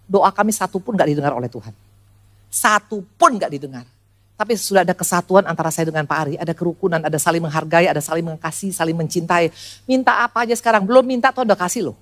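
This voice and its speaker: Woman pastor in her sixties, church sermon, animated delivery, loud high call-outs and low quiet asides. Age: 60s. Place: church service before a congregation.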